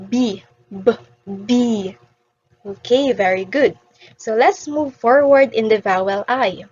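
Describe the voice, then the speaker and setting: Slightly high-voiced lady teaching vowels, repeats words for class, dull muffled audio. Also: darkish tone, breathy edge. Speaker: English teacher. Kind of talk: beginner vowel lesson.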